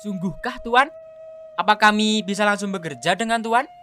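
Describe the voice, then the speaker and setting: A man's voice: sits high, moderate pace, sharp tone. A man playing an eager, adventurous young friend in a radio drama, persuasive and theatrical. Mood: hopeful. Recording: faint background noise.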